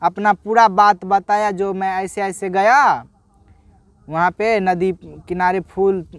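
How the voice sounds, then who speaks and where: A man with a high-pitched voice narrates a devotional folk story at a slow, halting pace. He voices the characters' quoted lines as he goes. The sound is dry and close. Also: fairly even intonation, smooth, no echo. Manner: unhurried, halting retelling with restarts and acted quotes. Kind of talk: casual spoken religious story.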